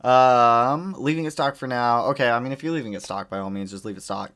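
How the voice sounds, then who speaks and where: Here a man runs a casual livestream, rambling through viewer questions and skipping from subject to subject. His mid-range voice is a bit bright and he talks briskly.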